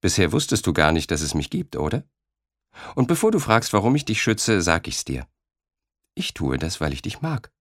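A man voicing a kind, chatty guardian angel in an audiobook, speaking softly and in a friendly, confiding way. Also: low-pitched, sing-song, normal speed, no room sound, studio quality. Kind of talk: audiobook character voice.

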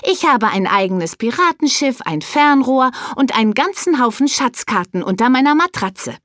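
A woman's voice: high-pitched, big pitch swings, normal speed, a bit bright, dry recording, clean studio sound, voice pushed up. A woman voicing a bold, cheeky young girl pirate captain in a brash, indignant manner.

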